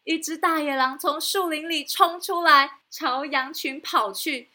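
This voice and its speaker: A woman with a Taiwanese Mandarin accent hosting a children's story show, narrating in a gentle, sing-song way to young listeners. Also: high-pitched, a little slow. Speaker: storytelling host.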